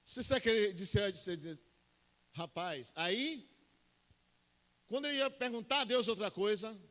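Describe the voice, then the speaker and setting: High bright-voiced Brazilian preacher. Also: male voice, lively intonation, a little slow, long reverb tail. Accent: Brazilian Portuguese. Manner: emphatic, swings from loud high bursts to low intimate asides. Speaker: pastor. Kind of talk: Pentecostal-style sermon with storytelling.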